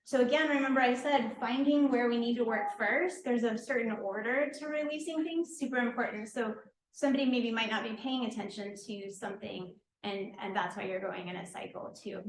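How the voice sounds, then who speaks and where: A woman with a fairly high voice gives a chatty, earnest workshop talk as a holistic therapist, often pausing on fillers. She was recorded in an echoey room with faint ambient noise behind her. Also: steady tone. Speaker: lymphatic therapist and holistic healer leading a workshop. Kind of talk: informal workshop lecture. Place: event space at a market and deli.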